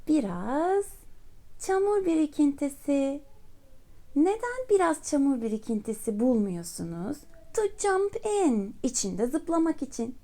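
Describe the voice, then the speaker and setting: A woman from Turkey reading a children's book aloud as a lesson, slowly repeating each phrase and translating it. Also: high voice, vocal fry, mellow. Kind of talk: bilingual read-aloud lesson.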